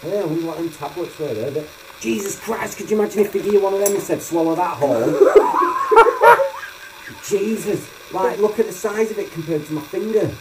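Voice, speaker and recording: A man exploring an abandoned house, chatting excitably and swearing now and then as he points things out. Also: high voice, moderate pace. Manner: excitable, swears, lively commentary. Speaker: urban explorer. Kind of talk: casual exploring chat. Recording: echoey empty room, distant mic, hiss.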